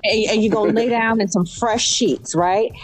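A woman talking frankly in a casual podcast chat, animated and repeating herself for emphasis. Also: mid-range voice, normal speed, faint music behind.

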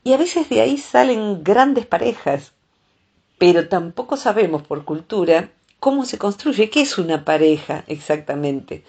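A woman with a Rioplatense Spanish accent, talking through ideas in a casual podcast chat, often pausing on "eh". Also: mid-range voice, lively intonation, darkish tone, slightly rough. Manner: thoughtful, explains with many filler "eh"s.

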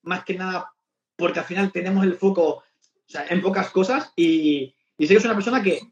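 High-voiced chatty man, echoey lo-fi sound. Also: brisk. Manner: chatty, rambling with frequent restarts. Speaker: podcast host. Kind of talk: casual podcast conversation. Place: lives in Barcelona.

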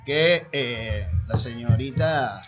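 A man's voice: medium pitch, slow pace, fairly bright tone, muffled recording, faint music behind. A Venezuelan man hosting a casual radio talk show, chatting with co-hosts and rambling through restarts.

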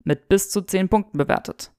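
A woman's voice: mid-range voice, a little fast, mellow, close to an everyday voice. A woman voicing a cool, sardonic young wizard who speaks in dry, clipped, condescending lines.

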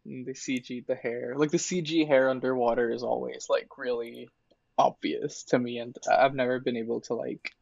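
A man co-hosting a casual podcast, talking in an animated way with many fillers and laughing. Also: medium pitch, moderate pace, gravelly, slightly rough, dry recording, muffled recording. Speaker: podcast co-host. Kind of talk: casual chat.

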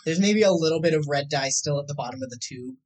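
A woman's voice: deep voice, fast talker, a little mellow, poor audio. A woman acting as game master, narrating a tabletop game in a playful way and laughing easily.

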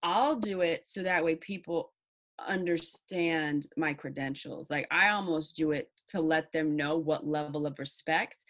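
A woman with a low voice talks in a casual podcast conversation. She sounds assertive and self-assured, stressing her points firmly. Her tone stays confident throughout. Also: a little slow, fairly bright tone. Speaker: podcast co-host.

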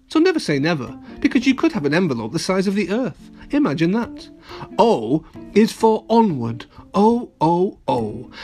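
A kids show host reading an alphabet storybook aloud to children, expressive and playful, with asides to young listeners. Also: mid-range voice.

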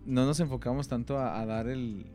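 A man's voice: mid-range voice, fairly even intonation, normal speed, mellow. A young man, rambling along in a casual chat, full of fillers. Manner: rambling, many fillers like "o sea". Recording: music playing under the talk.

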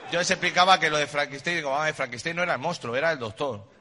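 A man's voice: a little high, racing, noisy background. A middle-aged man doing a stand-up comedy monologue on a live stage, talking in slang and bantering with the audience. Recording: live show with loud crowd laughter.

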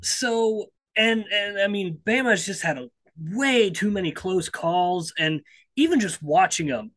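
A man co-hosting a casual sports podcast, building his points in a measured way and restarting his sentences. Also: high voice, animated, fairly bright tone. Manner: measured, keeps repeating "here's my thing". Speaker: podcast co-host.

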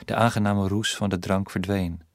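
A man with a very low, deep voice narrates an audiobook in a measured, even storytelling style. The recording is close and dry, with no room sound.

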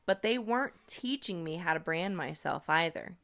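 A woman's voice: fairly low pitch, lively intonation, moderate pace, creaky, a bit bright. A woman hosting a podcast, talking in an upbeat, persuasive, coaching way. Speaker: podcast host, realtor. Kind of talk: conversational podcast monologue.

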